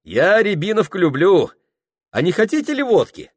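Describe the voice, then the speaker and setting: A man's voice: high-pitched, very animated, moderate pace, no room sound, studio quality, pitched above the performer's own voice. A man voicing a drunk, talkative exiled man who lectures with a slurring, tipsy manner. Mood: tipsy chatty.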